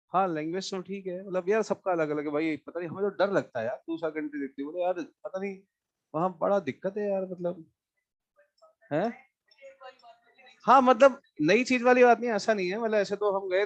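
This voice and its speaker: A man's voice: high voice, highs cut off. A man teaching math in a live class, chatting with students and then working through a problem. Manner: mixes Hindi with English math terms, asks students questions.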